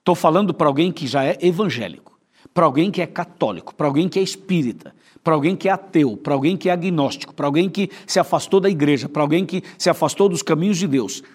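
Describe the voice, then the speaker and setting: A man's voice: a little high, quick pace, a little mellow. A man with a Brazilian Portuguese accent preaching an evangelistic sermon as a pastor, speaking intimately to the listener with repeated rhetorical questions. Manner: intimate, inviting address to the viewer.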